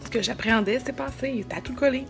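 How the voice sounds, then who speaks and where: A woman's voice: a little high, quick pace, vocal fry, over music. A woman in her thirties with a Quebec French accent, chatting casually and informally to her vlog viewers in a self-deprecating way. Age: 30s. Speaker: vlogger. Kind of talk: casual vlog chat to camera.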